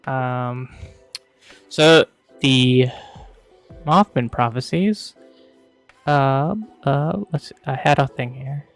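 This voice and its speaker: A man's voice: medium pitch, drawn-out words, long pauses, smooth, faint music behind. A man co-hosting a casual book review show, chatty, laughing often and tripping over hard words. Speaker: podcast co-host.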